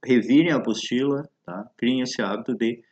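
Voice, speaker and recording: A man's voice: medium pitch, a little mellow. A man teaching a recorded English lesson, explaining step by step and often checking in with his students. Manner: reads English examples slowly and clearly. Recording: dull lo-fi recording.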